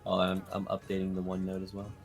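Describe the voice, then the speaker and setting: A man narrating as game master of an online tabletop game, with many pauses and fillers. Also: low voice, monotone, gravelly, husky, soft background music. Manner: halting, many fillers, laughs mid-line.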